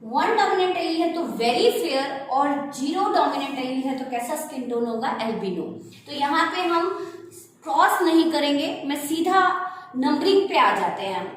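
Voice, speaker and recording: High-voiced woman teacher in an echoey classroom. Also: lively intonation, normal speed. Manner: asks questions and answers them herself, calls students "beta". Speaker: biology teacher. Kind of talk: classroom lecture. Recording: echoey room, distant mic, faint noise.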